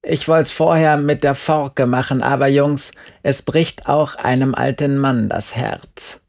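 A man voicing a stubborn, weary old farmer in an audiobook, speaking in a slow, drawn-out grumble. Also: mid-range voice, steady tone, gravelly, darkish tone. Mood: coaxing. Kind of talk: audiobook character voice.

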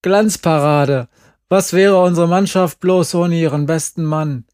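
A man voicing a tough, heartbroken young girl who curses and shouts in an audiobook reading. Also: a little high, measured pace, no echo, voice pushed up, lightly acted. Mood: mocking. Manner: shouting, cursing, tearful. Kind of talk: audiobook character voice.

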